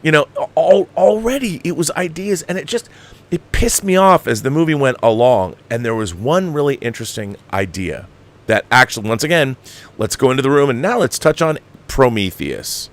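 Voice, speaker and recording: Swearing frequently, a man hosting a film commentary show gives an exasperated, emphatic and opinionated movie review rant. His mid-range voice is animated and moves at a moderate pace.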